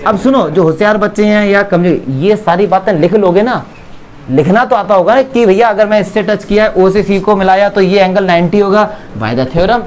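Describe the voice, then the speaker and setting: This is a man with a high voice and an Indian accent, speaking at normal speed while teaching geometry to a maths class. He chats and teases, regularly checking that his students understand.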